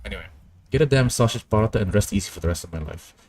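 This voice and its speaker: Husky-voiced young man chatting casually. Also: on the low side, lively intonation, rapid-fire, a little mellow, soft background music. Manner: rambling, anecdotal, easily amused. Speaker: animation streamer. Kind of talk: casual chat while animating.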